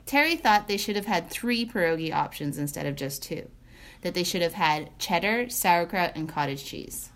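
A woman's voice: lowish voice, animated, normal speed, fairly bright tone. A young woman co-hosting a podcast who tells of a dinner outing in a dry, wry way. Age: young adult. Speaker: podcast co-host.

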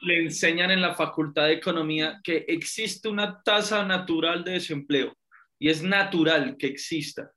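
A man's voice: a little high, normal speed, bright, forceful tone. A man with a Colombian accent, explaining political points emphatically as a podcast guest.

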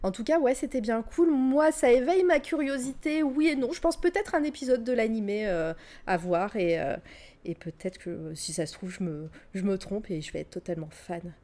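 Chatty young woman, halting delivery. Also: a little high, mellow. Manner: hesitant, many fillers and restarts. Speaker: co-host of a web radio stream. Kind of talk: casual live-stream chat, book recommendation.

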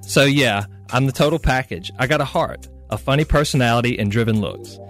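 A man's voice: mid-range voice, fairly quick, a bit bright, soft background music. A man, a radio contestant, reading out a comic love letter with exaggerated inflection.

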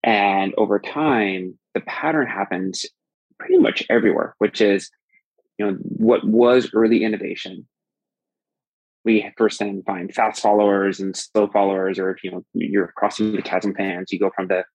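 A man's voice: on the low side, steady tone, normal speed, husky, dry recording, dull audio. A man as a podcast guest, explaining at length in a thoughtful way, often restarting sentences. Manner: thoughtful, frequent restarts and fillers. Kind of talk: conversational explanation.

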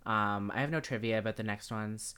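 A woman with an unusually deep voice hosts a podcast, tearing into a movie in a comic rant. She hesitates with ums and restarts, then erupts into loud, incredulous, swear-laden outbursts. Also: brisk, clear, resonant tone. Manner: exasperated, profane, builds into loud incredulous outbursts; frequent ums and self-interrupting restarts. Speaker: podcast host. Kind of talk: comedic movie-review rant.

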